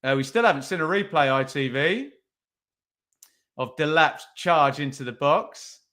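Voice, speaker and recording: A man's voice: a little high, lively intonation, measured pace, sharp tone. Chatty man commentating a match. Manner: chatty, thinks aloud with tag questions. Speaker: podcast host. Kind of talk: casual live watch-along commentary.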